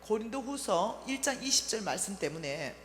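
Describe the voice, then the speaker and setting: A middle-aged woman with a Gyeongsang Korean accent gives a testimony sermon at a church revival, telling her story in a lively, animated way. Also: medium pitch, moderate pace. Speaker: lay minister at a revival meeting. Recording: echoey church hall, faint hum.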